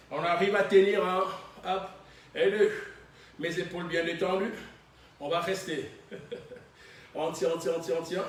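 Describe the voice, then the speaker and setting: A man leading a Pilates class, counting reps and giving calm encouraging cues. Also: on the high side, recorded from a distance, a little hiss or hum. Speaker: Pilates instructor. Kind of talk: guiding a fitness class. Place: fitness studio, indoors. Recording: very echoey gym room from afar.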